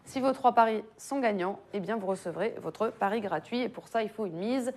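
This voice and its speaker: A woman hosting a live sports betting stream, brisk and upbeat as she reads promotions and runs a quiz. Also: medium pitch, darkish tone. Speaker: host. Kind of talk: live betting show presenting.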